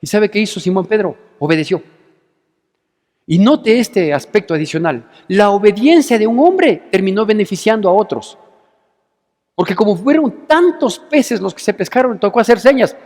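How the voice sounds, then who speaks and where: A male pastor preaches with animated energy, his high voice swooping widely as he throws out rhetorical questions. The sermon echoes through a long church reverb. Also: normal speed. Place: church hall.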